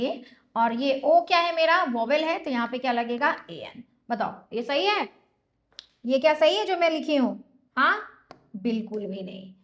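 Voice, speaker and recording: A woman's voice: high voice, fairly bright tone, muffled recording. A woman teaching an English grammar lesson in Hindi, putting questions to students and answering them herself, often checking whether they understood.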